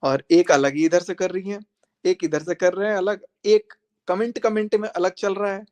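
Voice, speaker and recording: A man with a high-pitched, slightly mellow voice and fairly even intonation streams live at a moderate pace. Confrontational and repetitive, he addresses his audience while calling a rival to join him.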